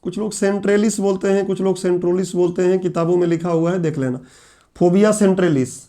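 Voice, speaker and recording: A man's voice: high-pitched, steady tone, quick pace, mellow. A man giving an exam-prep lecture, repeating key terms and putting questions to his students. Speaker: teacher. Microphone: laptop on online class.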